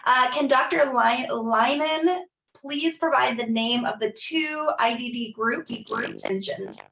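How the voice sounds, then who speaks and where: A woman moderating a webinar, briskly reading out audience questions. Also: sits high, fairly bright tone, dull audio. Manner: brisk, reads questions aloud. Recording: roomy echo.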